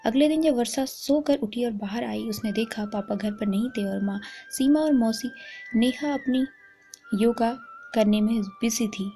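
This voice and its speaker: A woman storyteller narrating a scripted story in a smooth, even way. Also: a little high, a little slow. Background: faint music.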